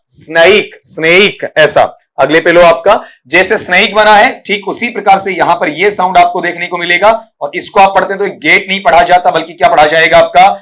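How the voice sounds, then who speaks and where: A man's voice: high voice, fairly bright tone. A middle-aged man teaching an exam-prep English lesson, drilling pronunciation by repeating words and fondly calling students "beta".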